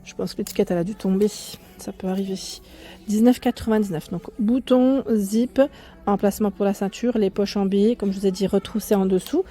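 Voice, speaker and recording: A little fast and steady in tone, a woman with a mid-range voice chats through a clothing store as a fashion vlogger. She keeps correcting herself and raises her voice over the loud in-store music, which stays faint in the background of the clip.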